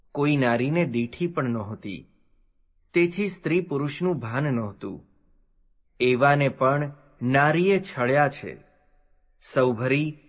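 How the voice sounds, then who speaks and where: Man reading scripture very slowly. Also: medium pitch. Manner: slow, deliberate recitation.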